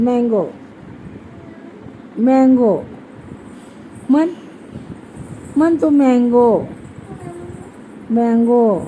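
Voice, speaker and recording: A young mother, coaxing her toddler in a slow, sing-song voice and repeating her questions. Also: high voice, dark tone, slight background noise, poor audio. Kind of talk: casual coaxing chat with a small child.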